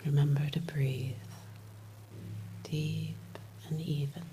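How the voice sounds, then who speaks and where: Slow, low-voiced woman leading soothing guided meditation. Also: flat delivery, a little hiss or hum, rough recording. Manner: gentle, unhurried, with long pauses between short phrases.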